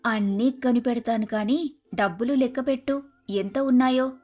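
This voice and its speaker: This is a caring, practical mother sparrow from a cartoon story, voiced by a woman. She speaks plainly and firmly, in a slightly high voice. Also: normal speed, darkish tone, faint music behind, lightly acted.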